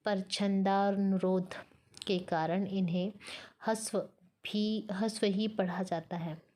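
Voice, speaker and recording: Woman, lecturer, read-aloud lesson, slow careful delivery, mellow tone. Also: mid-range voice, steady tone. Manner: slow, careful reading, breaking words apart to explain spelling.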